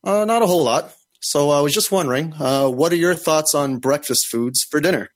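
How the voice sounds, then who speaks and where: A laid-back caller ringing in to a chat show, his voice a touch high and heard from a distance as if through a phone line, as a man puts him on. He talks in easy, unhurried questions.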